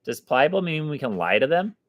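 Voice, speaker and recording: A man's voice: on the high side, sing-song, brisk, dry recording, highs cut off. A man reading aloud, voicing a skeptical young boy who is a younger brother, blunt and prone to grumbling. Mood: curious.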